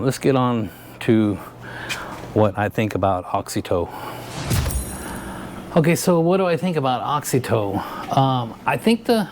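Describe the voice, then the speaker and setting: A man with a mid-range voice talks through a casual product review at an easygoing pace. He rambles and fills pauses with ums and uhs. Faint noise sits behind him. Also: mid-range voice. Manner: rambling, easygoing, many filler words. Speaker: channel host and product reviewer. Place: by a vehicle, showing its lights.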